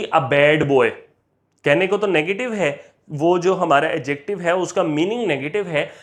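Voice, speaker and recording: A male teacher giving a grammar lecture, explaining in Hindi-Urdu and reading English example sentences slowly and deliberately. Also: fairly high pitch.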